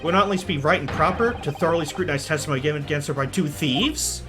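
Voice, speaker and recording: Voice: medium pitch, fast talker, over music, lightly acted. A streamer voicing an earnest young defence lawyer from a video game in formal courtroom oratory.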